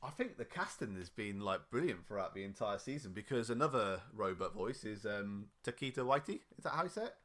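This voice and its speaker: A man's voice: on the low side, big pitch swings, fairly quick, hardly any pauses, a bit bright. A man co-hosting a casual podcast, slangy and full of fillers. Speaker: podcast co-host. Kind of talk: casual chat.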